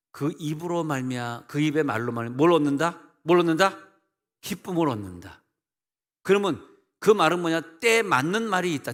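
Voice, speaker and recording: A man's voice: on the high side, fairly bright tone, long reverb tail. A man in his sixties, senior pastor, giving a folksy, humorous sermon. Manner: folksy, humorous preaching with imitated dialects.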